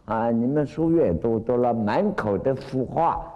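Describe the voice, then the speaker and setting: A man teaching as a Buddhist lecturer, retelling a Zen story with lively acted-out cries and frequent drawn-out fillers. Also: mid-range voice, dull audio, soft background music. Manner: animated storytelling, acts out quoted cries. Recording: long hall reverb.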